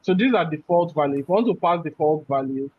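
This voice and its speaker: In muffled, dull audio, a programming instructor talks fast with an expressive, slightly rough voice on the high side. He leads a live coding session, stepping through the code and repeatedly asking "right?".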